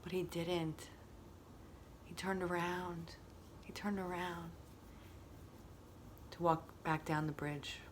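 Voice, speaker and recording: Woman, low pitch, reflective, repeats herself for emphasis, casual motivational talk. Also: little pitch movement, slow pace, long pauses, slight background noise. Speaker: host.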